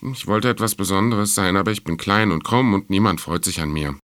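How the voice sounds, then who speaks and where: A man's voice: sits low, brisk, fairly bright tone, no echo. A man voicing a small, crooked cookie star in a storybook reading, sighing sadly. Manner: sighing, sad.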